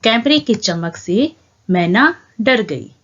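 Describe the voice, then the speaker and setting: A woman teaching a reading lesson to young children, asking the class questions and answering them herself in a patient, drawn-out way. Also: medium pitch, expressive, a bit bright, slightly rough. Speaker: primary school teacher. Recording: dull lo-fi home recording.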